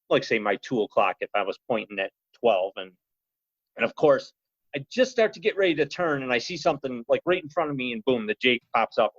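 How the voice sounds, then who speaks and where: A man's voice: mid-range voice, dry recording. Rambling man telling a story, dry muffled sound. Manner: rambling, animated, lots of "you know" and "he goes". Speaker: podcast guest. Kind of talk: casual storytelling. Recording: slightly muffled podcast audio.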